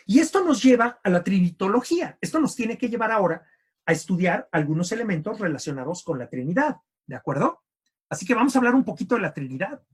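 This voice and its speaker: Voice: medium pitch, darkish tone, husky. A theology teacher gives an online lecture, repeating and rephrasing points and often checking in with the listeners. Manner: keeps checking in with "¿sí?" and "¿no?".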